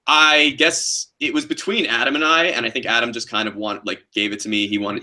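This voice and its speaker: A man who creates and voices an animated show, chatting in a relaxed way with many fillers. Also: on the low side. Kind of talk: casual podcast chat.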